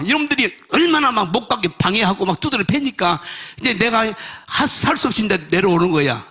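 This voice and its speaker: A middle-aged man preaching a sermon, telling a testimony with strong emotion and rising to shouts. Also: very high voice, husky. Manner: emotional storytelling, swells to shouts. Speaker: pastor.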